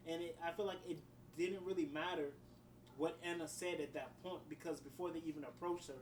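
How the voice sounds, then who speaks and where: A man's voice: a little high, fairly even intonation, fairly quick, recorded from a distance, slight background noise, rough recording. A man co-hosting a podcast in casual chat, rambling and filling his talk with "you know" and "whatnot.". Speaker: podcast co-host, writer.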